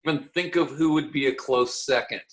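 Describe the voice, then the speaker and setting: A man hosts an interview in a casual, upbeat way. He often restarts his sentences as he asks his questions. His voice sits at a middle pitch. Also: brisk, fairly bright tone. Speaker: podcast host interviewer.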